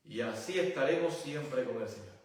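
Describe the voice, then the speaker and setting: A man's voice: medium pitch, animated, moderate pace. A male pastor preaching a sermon, reading scripture aloud and then explaining it with rhetorical questions. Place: church. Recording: very echoey church hall, voice from a distance.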